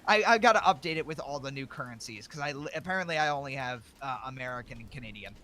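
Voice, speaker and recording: Bright-voiced man, halting livestream host. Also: mid-range voice, animated, a little hiss or hum. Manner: halting, hesitant, repeats words. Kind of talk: casual livestream chat.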